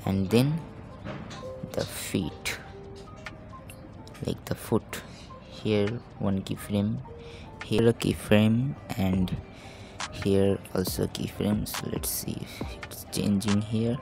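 Slow, calm, low-voiced man with creaky edge. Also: music in the background. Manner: slow, calm, hushed talk; halting, thinking aloud while demonstrating. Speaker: tutorial host. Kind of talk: software tutorial voiceover. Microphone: microphone held close to the mouth.

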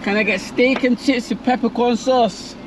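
A young British prankster vlogger chats casually in slang from inside a car while pulling pranks at drive-throughs. His voice is very high-pitched, with a steady tone and moderate pace, and the noisy car interior carries engine and outdoor hum.

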